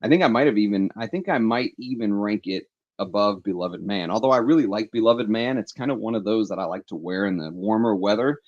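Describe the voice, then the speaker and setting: Chatty low-voiced man on a headset. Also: brisk, darkish tone, dull audio. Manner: chatty and enthusiastic, reads viewer comments aloud. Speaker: fragrance livestream host. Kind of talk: casual livestream chat.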